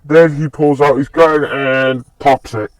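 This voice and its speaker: Slow, rambling male storyteller, casual; dry, distant mic. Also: fairly high pitch, fairly even intonation, dry recording. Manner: rambling, with restarts. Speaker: fan story narrator.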